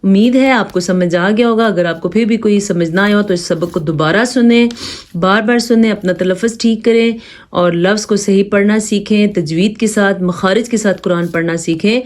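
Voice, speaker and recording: A woman with a Pakistani Urdu accent teaching tajweed, explaining rules patiently and reciting verses slowly to demonstrate. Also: mid-range voice. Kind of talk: step-by-step tajweed lesson with slow recitation examples.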